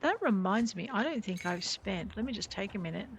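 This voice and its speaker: A woman's voice: medium pitch, expressive, brisk, slight background noise. A woman hosting a gaming video, chatting playfully to herself and her game companions in a genteel way with mild exclamations. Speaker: gaming video host playing in character. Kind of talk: playful game commentary, talking to self.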